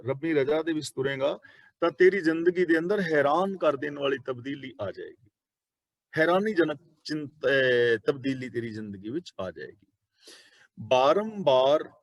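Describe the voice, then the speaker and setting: A man's voice: fairly high pitch, no room sound. Earnest Punjabi man explaining scripture. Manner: repeats and explains each verse, slows down on quoted lines. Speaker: Sikh scripture teacher. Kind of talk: line-by-line scripture commentary.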